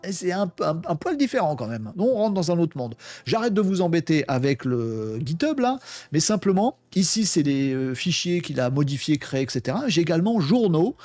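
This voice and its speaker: A man's voice: a little high, very animated, moderate pace, darkish tone, dry recording. A man presenting a casual screen-share tech tutorial, enthusiastic and slangy, acting out little imagined dialogues. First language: French. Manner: colloquial slang, many fillers.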